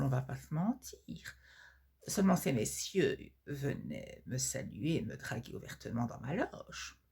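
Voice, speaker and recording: A woman playing a vain, flirty blonde Parisian cabaret star who confides gossip coyly in a theatrical comic sketch monologue, her voice husky. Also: deep voice, a little mellow, exaggerated voice. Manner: coy, confiding, theatrical drawn-out words.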